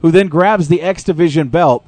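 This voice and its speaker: A man's voice: a little high, moderate pace, darkish tone, no room sound. Man calling wrestling with a dry, close sound. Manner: informal, critical, narrates action move by move. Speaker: host calling the matches as play-by-play commentator. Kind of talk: live wrestling commentary, conversational.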